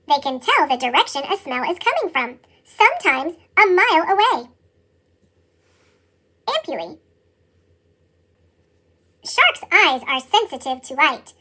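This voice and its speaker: Chipmunk-effect reader, squeaky and very high, lively sing-song read-aloud. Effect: sped-up chipmunk voice. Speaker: storybook reader. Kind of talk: reading a nonfiction picture book aloud.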